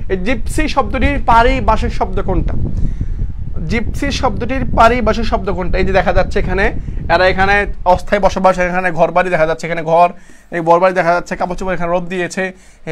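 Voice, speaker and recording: A man's voice: sits high, a little hiss or hum. A young man with a Bangladeshi Bengali accent teaching an online exam-prep vocabulary class. He repeats his questions to the students and corrects himself as he goes. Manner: repeats questions to students, talks to them as "bhaiya"; casual, self-correcting explanations.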